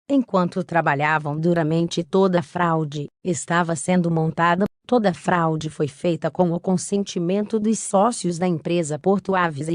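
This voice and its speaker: A synthetic robotic woman's voice reading a scripted narration of a court case, even and methodical. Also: fairly low pitch, dry recording, studio quality. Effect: robotic text-to-speech voice.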